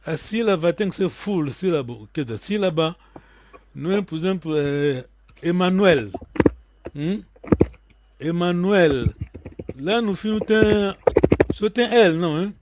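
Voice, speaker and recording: A man's voice: sits high, expressive, a little slow, pauses often, very noisy. A man whose first language is Kikongo, teaching an online language lesson and patiently explaining words one by one with frequent check-in questions.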